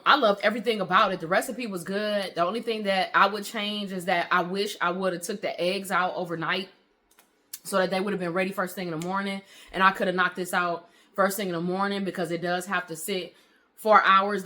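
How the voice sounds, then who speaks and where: A woman's voice: lowish voice, bright, forceful tone. A woman chatting casually in a home baking vlog, with lots of fillers, calling her viewers honey and y'all. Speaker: vlogger. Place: home kitchen.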